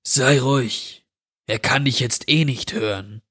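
A man voicing a menacing male intruder who grants children's wishes, speaking slowly with a drawl. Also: medium pitch, a bit bright, husky. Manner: slow, drawling, sinister.

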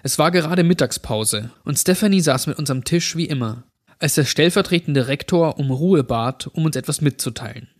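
A man's voice: on the high side, lively intonation, moderate pace. A man narrating a first-person horror story in a dramatic, emotional reading.

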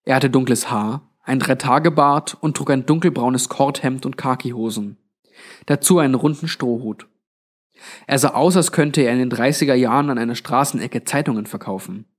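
A man narrating an audiobook, steady and measured as he walks through a tense scene. His pitch sits in an ordinary middle range for a man. The reading is scripted and paced for storytelling.

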